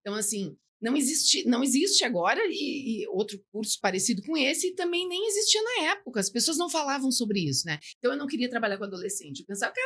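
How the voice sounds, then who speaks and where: Husky-voiced woman psychologist, chatty. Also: a little high, very animated, fast, few pauses, a bit bright. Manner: chatty, explains with frequent "né" and "entende". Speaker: psychologist guest. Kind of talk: casual podcast interview.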